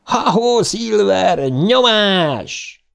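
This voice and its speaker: A man voicing a giddy, reckless grown man who whoops and shouts in an audiobook. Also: sits high, lively intonation, gravelly, clear, resonant tone, pitched above the performer's own voice, exaggerated voice. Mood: exultant. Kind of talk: audiobook character voice.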